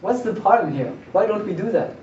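A man's voice: sits high, animated, fairly quick, a little mellow. Young man lecturing in an echoey room. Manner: explanatory with restarts and repeated words. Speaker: math lecturer. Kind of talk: seminar lecture. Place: lecture room with projector screen. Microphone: far camera, no mic. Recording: roomy, distant, dull camera audio with faint hiss.

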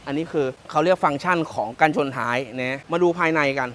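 Chatty Thai car salesman, a bit high. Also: fast, a bit bright, slight background noise. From Thailand. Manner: chatty and joking, repeats phrases. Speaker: car salesman presenting a pickup. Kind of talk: casual walkaround car presentation.

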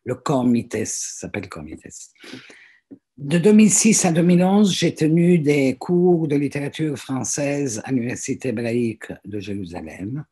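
This teacher and guest reader, a woman in her seventies whose first language is French, has a very deep, warm voice with a breathy edge, lively intonation, and normal speed. She introduces herself hesitantly on a video call, restarting often and using many fillers, via a laptop webcam in a small room at home.

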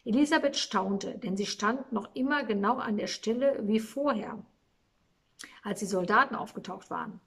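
A woman reading a Christmas storybook aloud in a calm, measured storytelling manner. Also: medium pitch, creaky, breathy edge.

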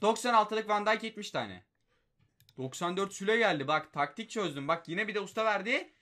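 A young man with a high, bright voice commentates live as he plays a mobile game. He keeps begging the game and groans at it in exasperation, talking straight to it. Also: expressive, normal speed. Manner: pleading, exasperated, talks to the game.

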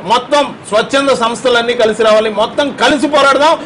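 A man speaking at a very fast clip, his voice sitting unusually high. He argues his side in a televised political debate and presses every party to join forces. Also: fairly even intonation, a bit bright, a little hiss or hum. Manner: insistent, rapid appeals to all parties.

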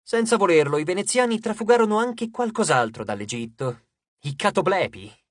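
A man's voice: high-pitched, sing-song, normal speed, no room sound, clean studio sound. A man voicing a haughty, capricious male god who lectures and scorns, in an audiobook character reading with a breezy, dismissive manner. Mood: lecturing.

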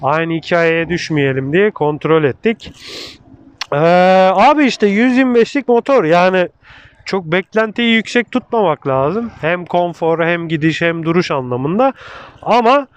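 Riding through traffic, a male motovlogger delivers casual, colloquial commentary while reviewing a bike, speaking into his helmet microphone. His voice sits high and is expressive, at a measured pace, with motorcycle engine, road and traffic noise clearly audible.

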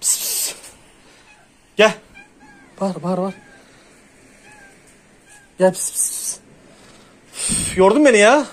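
A man vlogging casually while he coaxes and scolds cats, repeating short calls and hushing sounds. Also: high voice, expressive, slow, pauses often. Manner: coaxing and scolding animals, repeating words, calling pss. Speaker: hobby vlogger.

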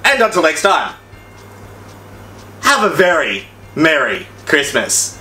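A man's voice: a little high, sing-song, slow, sharp tone, echoey room, soft background music, poor audio. A man talking through a cooking demonstration, with chatty, upbeat, step-by-step instructions. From Australia. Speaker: cooking vlogger.

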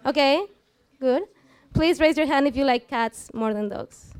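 A high voice at a measured pace comes from a Mexican-accented student in her twenties whose first language is Spanish. Wearing a headset, she delivers an explanatory science talk live to a seated audience in a small lecture room, keeping it informal and inviting them in with questions.

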